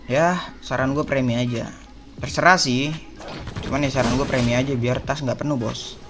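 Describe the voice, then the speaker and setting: A young Indonesian gaming YouTuber gives casual gameplay tips in a chatty, slangy way, chummily calling his viewers "bos" and "coy." His voice is medium-pitched and steady at a moderate pace, with background noise in the recording.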